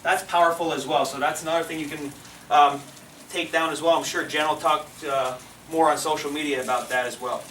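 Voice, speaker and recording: High-voiced man training a roomful. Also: fairly even intonation, a little fast, a bit bright. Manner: loose, filler-heavy, keeps asking the room to agree. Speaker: team trainer. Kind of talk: live motivational training talk. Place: meeting room before an audience. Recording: roomy sound from far off the mic with faint noise.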